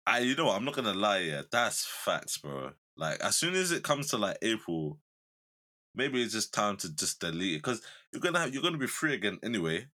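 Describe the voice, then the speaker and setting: Young man, London accent, low bright voice, casual podcast banter, slangy, animated. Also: fairly quick. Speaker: podcast co-host.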